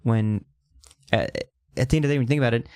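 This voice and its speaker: A man's voice: mid-range voice, fast talker, a little mellow, smooth. A man in his thirties in casual podcast chat, rambling and emphatic, swearing freely. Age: 30s.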